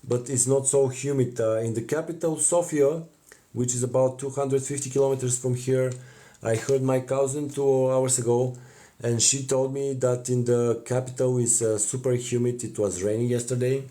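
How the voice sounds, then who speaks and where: A man in his thirties with a Bulgarian accent, chatting on a live stream from a cluttered home craft table. His voice is mellow and dark. He talks into a phone held close, thanks viewers warmly, and often pauses with "uh" while he paints. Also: medium pitch, steady tone. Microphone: phone camera close in front.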